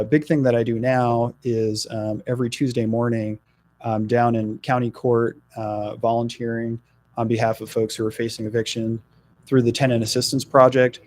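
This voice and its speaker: Interviewed on the radio, a middle-aged candidate from New Jersey sounds earnest and halting, leaning on frequent fillers. He speaks in a mid-range voice with a darkish tone, and there's no room sound.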